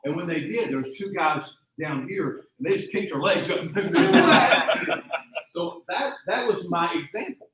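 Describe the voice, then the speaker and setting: A man's voice: high voice, lively intonation, a little slow, background noise. Emphatic male taekwondo instructor in echoey hall. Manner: repetitive, emphatic, rambling anecdotes. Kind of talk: motivational class talk with storytelling. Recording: echoey, dull lo-fi room sound.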